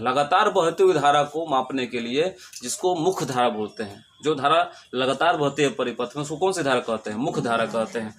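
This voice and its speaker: A man's voice: on the high side, fairly bright tone, a little hiss or hum. A male physics teacher gives a classroom lecture. He asks questions and answers them himself, repeats his points and jokes with homely analogies.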